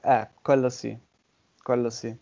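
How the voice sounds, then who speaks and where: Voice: mid-range voice, level tone, measured pace, vocal fry, mellow, lo-fi sound. A native English speaker from southern England with an English accent, chatting casually and searching for words in a second language. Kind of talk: casual chat about languages.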